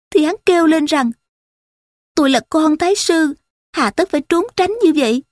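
A woman voicing a tearful young concubine who pleads in a high, wailing lament. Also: a little mellow, no room sound, studio quality.

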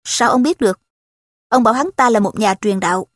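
A woman reading the part of a wealthy young gentleman who teases with dry irony in a spoken story. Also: on the high side, fairly quick, no echo, lightly acted. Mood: mocking.

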